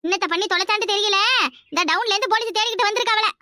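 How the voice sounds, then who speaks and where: A woman's voice: very high-pitched, racing, bright, forceful tone, dry recording, studio quality. A woman voicing a sly young daughter-in-law in a cartoon, with a Kanyakumari Tamil accent, who tattles and stirs up trouble. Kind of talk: cartoon voice acting.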